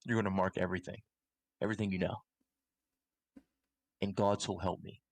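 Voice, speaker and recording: A man's voice: low voice, little pitch movement, moderate pace, gravelly. A man playing a ruthless adventurer. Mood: menacing. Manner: menacing, mocking threats. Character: ruthless male adventurer interrogating a prisoner.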